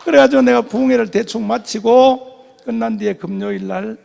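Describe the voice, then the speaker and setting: A male pastor giving a sermon testimony, telling his story in an animated way with loud emotional bursts. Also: very high voice, normal speed, creaky.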